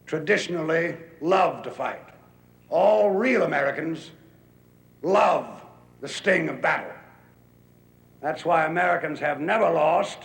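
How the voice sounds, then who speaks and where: A man voicing a gruff, bombastic army general as a sock puppet, delivering a theatrical comic monologue in a declamatory, deliberate way. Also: on the high side. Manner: declamatory, deliberate, with long pauses. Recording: roomy echo.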